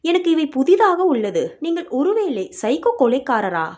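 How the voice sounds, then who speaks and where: A woman voicing a wary, sharp-tongued young woman. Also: sits high, very animated, pitched above the performer's own voice. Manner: questioning, defensive, quick to bristle.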